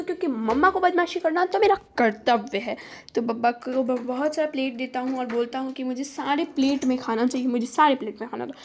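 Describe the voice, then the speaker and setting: A woman voicing a cheeky little boy, high and playful. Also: a little hiss or hum. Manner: playful sing-song narration with lots of repetition. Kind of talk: parent narrating a child's day in his voice.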